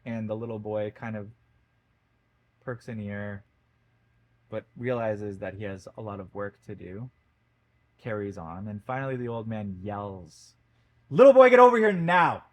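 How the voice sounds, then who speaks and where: A man, a podcast guest, telling a story in a casual conversation, with fillers and animated emphasis. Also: lowish voice, a little slow, long pauses, dry recording, low-quality recording.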